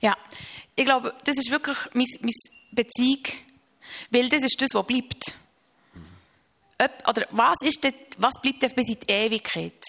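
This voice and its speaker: A woman gives an earnest, reflective account of her faith in an interview. Her voice sits a little high and carries a gravelly fry. She slows down to stress key phrases and often stops and restarts mid-sentence. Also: steady tone, a bit bright. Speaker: interview guest.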